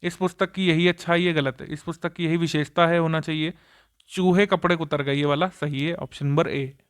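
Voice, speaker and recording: A male teacher works through exam questions in a patient walkthrough, explaining why each option is right or wrong. His voice is smooth and resonant, sitting slightly higher than most men's. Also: fairly even intonation, brisk.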